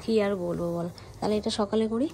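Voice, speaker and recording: A woman's voice: mid-range voice, fast, vocal fry, slight background noise. A young woman vlogging in a casual, chatty way. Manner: lively and chatty, hushed late at night. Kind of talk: casual vlog chat.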